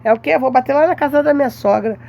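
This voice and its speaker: Brazilian woman, high gravelly voice, animated storyteller, devotional testimony, faint noise behind. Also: racing. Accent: Brazilian Portuguese. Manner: lively storytelling, acts out her mother's lines.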